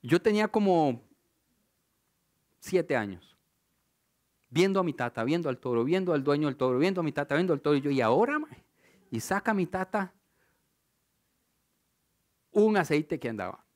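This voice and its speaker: A man with a Costa Rican accent preaching a sermon, telling stories and asking rhetorical questions, moving between loud and hushed delivery. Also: a little high. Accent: Costa Rican Spanish.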